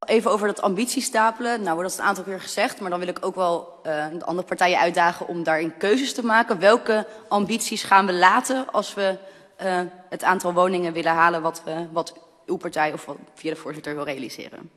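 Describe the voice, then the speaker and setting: A council member breaks in with a challenge to the other parties, hesitating now and then at an ordinary pitch. The voice carries a long chamber reverb. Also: steady tone, a little fast, fairly bright tone. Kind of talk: debate interruption.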